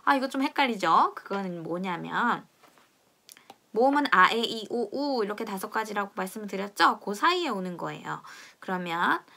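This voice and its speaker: A young woman teaching pronunciation in a friendly video lesson, explaining patiently and drilling sounds slowly for viewers to repeat. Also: mid-range voice, expressive, vocal fry, pushed and bright. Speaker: language teacher.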